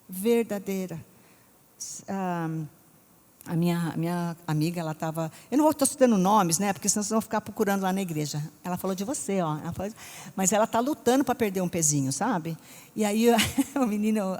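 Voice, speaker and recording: A woman with a Brazilian Portuguese accent giving a conversational sermon at a women's conference, telling lively stories, acting out voices and often checking in with the audience. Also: mid-range voice. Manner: lively storytelling, acts out voices in her anecdotes. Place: church sanctuary. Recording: long reverb of a church hall.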